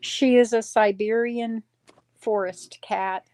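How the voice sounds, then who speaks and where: A woman's voice: fairly high pitch, steady tone, slow, darkish tone, dry recording. A woman in her sixties from Wisconsin chatting on a live stream while she crafts, rambling and correcting herself as she goes. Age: 60s. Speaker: livestream crafter. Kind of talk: casual chat.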